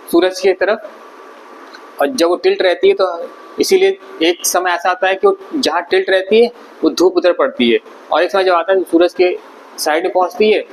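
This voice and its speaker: A man's voice: on the high side, low-quality recording. Man patiently teaching English pronunciation. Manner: explains patiently, repeats and spells out words. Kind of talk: spoken vocabulary lesson. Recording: faint background noise.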